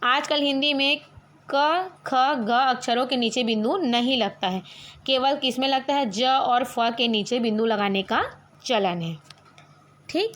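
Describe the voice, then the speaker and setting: A woman teacher giving an online grammar lesson, explaining step by step, asking questions and answering them herself, and sounding out letters slowly one at a time. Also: high voice, fairly bright tone.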